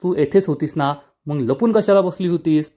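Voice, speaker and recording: A man's voice: a little high, normal speed, warm tone, lightly acted. A man as a curt, irritated young boss. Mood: angry. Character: angry stubborn young businessman.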